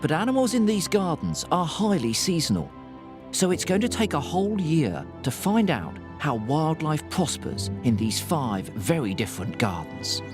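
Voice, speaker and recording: Male voice-over, scripted documentary narration, measured and explanatory, very swooping intonation, music underneath. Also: on the high side, sing-song.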